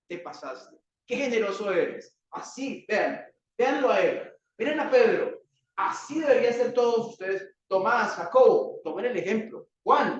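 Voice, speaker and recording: A man with a Colombian accent preaching a sermon, asking rhetorical questions and leaning on dramatic pauses. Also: very high-pitched. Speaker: pastor. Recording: echoey hall, distant dull mic.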